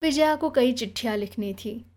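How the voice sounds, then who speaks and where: A woman narrating a novel as an audiobook, in a steady, measured storytelling manner. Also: on the high side.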